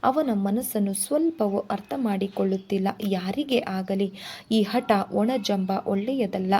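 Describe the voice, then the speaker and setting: A woman voicing a gentle but anxious older mother who coaxes and sighs, in a storybook reading. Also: mid-range voice, measured pace, husky. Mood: worried. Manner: coaxing, sighing.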